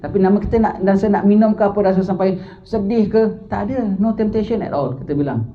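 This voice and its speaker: A man's voice: high voice, fairly quick. An older man with a Malaysian Malay accent, giving an informal religious lecture and asking his listeners questions. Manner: conversational, asks listeners questions, mixes in English. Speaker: religious teacher. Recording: dull lo-fi lecture recording.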